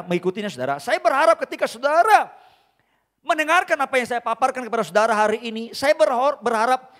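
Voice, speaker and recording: A male pastor preaching an emphatic sermon at a church service, swinging between loud bursts and quiet asides and calling out to the congregation often. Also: very high voice. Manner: addresses the congregation again and again as brothers and sisters.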